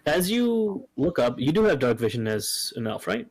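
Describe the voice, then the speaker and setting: A man narrating as game master of a tabletop game, slow and hesitant with frequent pauses. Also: fairly high pitch, very animated, gravelly, dry recording, poor audio.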